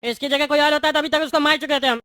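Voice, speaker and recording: High bright cartoon voice, lady playing a bald crooked neta guy, whiny and fast. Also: fairly even intonation, dry recording, studio quality. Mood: grovelling. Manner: whiny, blustering then grovelling. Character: bald cowardly boastful male politician in jail. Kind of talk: cartoon voice acting.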